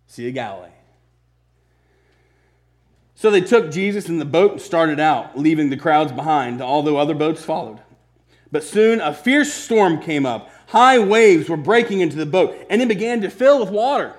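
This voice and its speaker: A man preaching a sermon, swinging between loud, emphatic bursts and hushed, slow, earnest lines. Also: a little high, animated.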